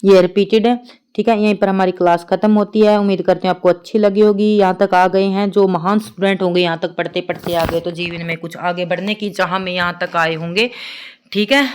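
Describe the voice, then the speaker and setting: A young adult woman teaching an online exam-prep grammar class, chatty, listing words in quick runs and checking in with her students often. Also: lowish voice, fairly even intonation, darkish tone, clear, resonant tone. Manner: chatty, repeats "ठीक है" often. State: tired.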